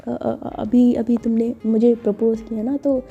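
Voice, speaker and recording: A woman's voice: fairly high pitch, level tone, unhurried, gravelly, warm tone, breathy edge, muffled recording, full character voice. A woman voicing a nervous young woman in love who stammers and keeps repeating herself, in a told story. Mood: flustered.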